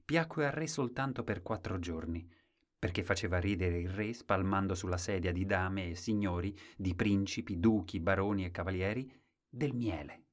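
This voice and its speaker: A man's voice: low-pitched, normal speed. A man reading a fairy tale aloud in a dramatic, playful way. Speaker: storyteller. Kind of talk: expressive story reading.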